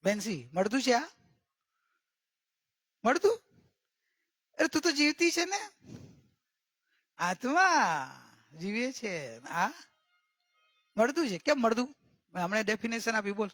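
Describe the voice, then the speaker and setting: A man giving a religious discourse as a spiritual teacher. He keeps checking in with his listeners and draws key words out slowly for emphasis. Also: extremely high pitch, sing-song, fairly bright tone. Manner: questioning, coaxing listeners with repeated checks.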